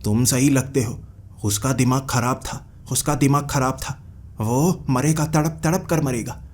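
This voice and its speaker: A man's voice: medium pitch, a little slow, a little mellow, lightly acted. A man voicing a furious vengeful witch. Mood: angry. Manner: scolding, threatening. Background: faint music.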